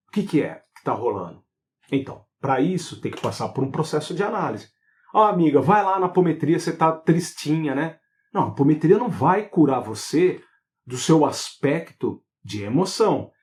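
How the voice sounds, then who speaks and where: Animated man giving a live talk. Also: a little high. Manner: animated, rhetorical questions, frequent "entendeu?". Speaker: spiritual therapy host.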